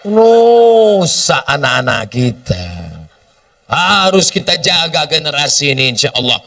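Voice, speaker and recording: A man's voice: a little high, lively intonation, unhurried, a bit bright, recorded from a distance. A man preaching a humorous sermon, often acting out short dialogues between people. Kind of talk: sermon with question and answer.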